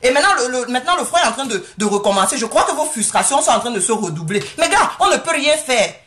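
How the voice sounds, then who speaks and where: A woman ranting straight to camera from home, scolding and mocking her critics, often pausing to ask if they understand. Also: high-pitched, sing-song, a bit bright. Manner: confrontational, scolding, keeps asking "you understand?"; mocking and sarcastic. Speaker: vlogger answering critics. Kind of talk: angry rant straight to camera.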